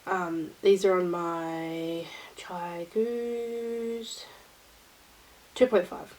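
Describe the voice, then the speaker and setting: A woman's voice: fairly low pitch, fairly even intonation, very slow, darkish tone, rough recording. A woman hosting her own knitting vlog, talking to camera in a rambling, easygoing chat. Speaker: knitting vlogger.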